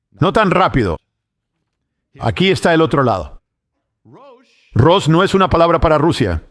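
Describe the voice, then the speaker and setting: Guy teaching a sermon, slightly high voice, calm step by step explaining. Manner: measured, explanatory, reasoning step by step. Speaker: Bible teacher.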